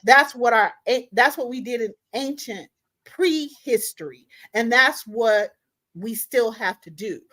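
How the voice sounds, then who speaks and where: A woman with a fairly high, sharp-toned voice speaks a little slowly while hosting an online talk. She addresses viewers directly, emphatic, impassioned and informal, with repeated tag questions.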